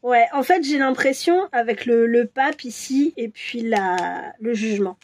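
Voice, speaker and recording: A woman doing a casual tarot reading for viewers, musing and hesitant, with many restarts and soft asides. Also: fairly high pitch, measured pace. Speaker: tarot reader.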